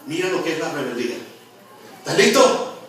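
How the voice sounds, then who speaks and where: A man preaching a sermon in a church hall, lively and joking as he quizzes the congregation. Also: mid-range voice, moderate pace. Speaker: pastor. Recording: very echoey hall, from far off.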